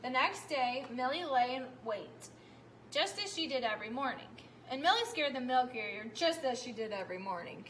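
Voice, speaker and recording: A woman teacher reads a picture book aloud to young children with an animated storytelling manner, pausing often to ask them what they think. Her voice sits high and bright. A faint hiss runs under the recording.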